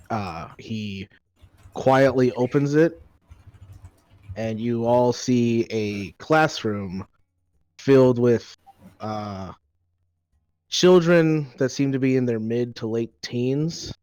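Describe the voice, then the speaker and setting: A man improvising narration as game master of a tabletop game, halting and pausing mid-phrase. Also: medium pitch, darkish tone, clear, resonant tone, no echo, lo-fi sound.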